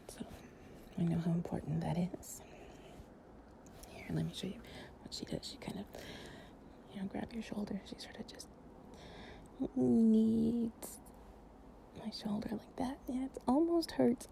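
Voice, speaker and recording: A female roleplay performer with a mid-range voice improvises a relaxing scene as a loving companion. Her tone is intimate, playful, sleepy, and confiding, and her soft, breathy speech keeps dropping to a whisper as she chats casually with the listener.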